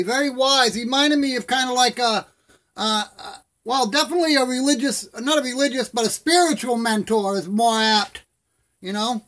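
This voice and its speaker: A man with a strikingly high voice chats casually to his live stream. His words have the soft, slightly slurred shape of toothless speech, with lips closing over the gums. He rambles along in a friendly, buddy-to-buddy way.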